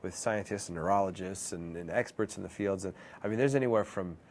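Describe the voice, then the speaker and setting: A film producer answering interview questions in a relaxed, thoughtful, explanatory way. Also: male voice, deep voice, fairly quick, a little hiss or hum.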